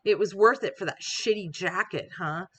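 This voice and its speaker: A woman voicing an angry, drunk young man in a read-aloud story, in low, quiet lines. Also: normal speed, breathy edge. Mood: bitter.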